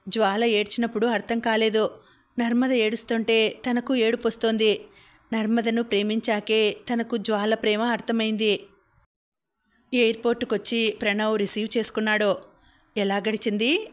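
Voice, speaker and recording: A woman narrating a novel as an audiobook, reading steadily and evenly. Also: on the high side. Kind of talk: scripted story narration.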